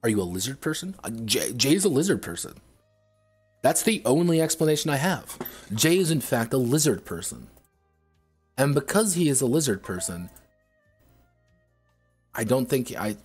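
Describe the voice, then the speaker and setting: Sarcastic ranting man, lively pitch. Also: slightly rough. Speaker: streamer reviewing tabletop games. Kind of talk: livestream game review rant.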